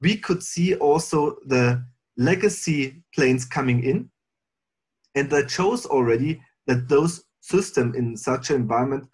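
A man with a somewhat husky, mid-pitched voice talks through his points over a video call. He explains step by step, pausing often on fillers and restarting phrases as he goes. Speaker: panelist presenting for an air taxi company. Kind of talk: online panel presentation.

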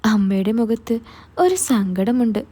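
Woman storyteller for a dramatic audio tale: earnest, steady, with a breathy, mellow voice. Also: on the high side, unhurried. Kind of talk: first-person story narration.

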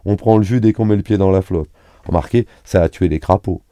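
A man's voice: low-pitched, fairly quick, dark tone, no echo, close to an everyday voice. A man voicing an uninhibited, playful young woman in an audiobook reading. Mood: amused. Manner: frank and teasing.

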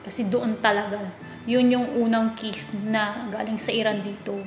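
A woman's voice: on the high side, flat delivery, moderate pace. A woman in her thirties, a worker abroad, chatting to a phone camera in a kitchen and complaining about her job. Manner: chatty, complaining, mixing English into Tagalog. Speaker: vlogger, overseas domestic worker. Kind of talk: casual chat to camera. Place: kitchen, indoors. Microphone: phone camera at arm's length. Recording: echoey kitchen with music behind. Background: background music.

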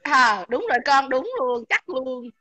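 Scolding high-voiced woman, bright tone. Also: animated, a little slow. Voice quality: scolding, taunting, repeats questions. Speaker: livestream host. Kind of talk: heated livestream arguing with commenters.

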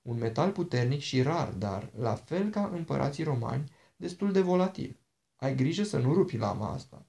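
A man's voice: medium pitch, big pitch swings, gravelly, warm tone. A man voicing an ancient princess, a charming and dangerous woman who talks in a sweet, persuasive, coaxing way.

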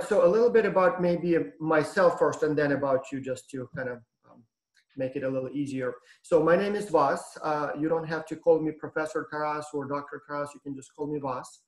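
A Ukrainian-accented man in his thirties gives a university lecture over a webcam, his voice sitting a touch high for a man and staying fairly level in tone. He explains things at an easy pace, filling pauses with ums and uhs. The sound carries the echo of a room with a brick wall. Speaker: professor. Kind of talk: lecture to students over video call. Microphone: webcam on video call.

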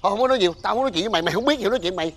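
An actor playing an irritable, superstitious older father, scolding loudly in a TV sitcom. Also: a little high, sing-song, fast. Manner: scolding, blustering, loud rants. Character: irritable superstitious old father, Tết-obsessed. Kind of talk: TV sitcom acting.

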